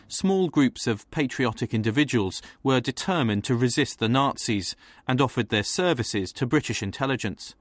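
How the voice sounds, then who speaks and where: Measured male documentary narrator, dry sound. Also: mid-range voice, no echo.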